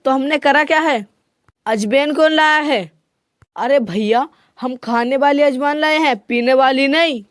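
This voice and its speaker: A meek, bumbling father who defends himself in a comedy skit, played by a woman. He speaks slowly and plainly. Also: high voice, no room sound, studio quality. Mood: defensive.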